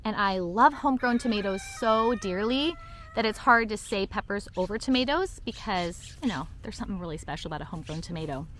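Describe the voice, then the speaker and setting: A woman's voice: medium pitch, lively intonation, fairly quick, a bit bright, slight background noise. A woman giving a casual walk-and-talk tour of her vegetable garden, chatty and bubbly, laughing at her own slips, recorded outdoors on a camera she carries.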